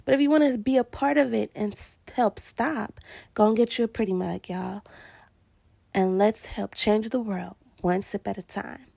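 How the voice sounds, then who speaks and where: Gravelly-voiced woman chatting on a podcast. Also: mid-range voice, fairly even intonation, normal speed, mellow, dry recording. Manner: chatty, rambling, with frequent laughs. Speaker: podcast host. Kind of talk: casual solo podcast chat.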